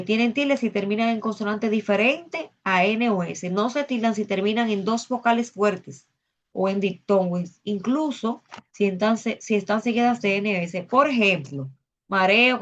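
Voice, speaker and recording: A woman teacher explaining spelling rules in a measured way, pausing often on filler sounds. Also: medium pitch. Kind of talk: recorded spelling lesson. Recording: dull lo-fi sound.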